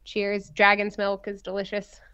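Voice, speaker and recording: A woman's voice: mid-range voice, monotone, unhurried, sharp tone, clean tone. Playful woman chatting, slightly muffled audio. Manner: playful, informal, peppered with "like". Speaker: nun, podcast guest. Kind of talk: casual conversational interview.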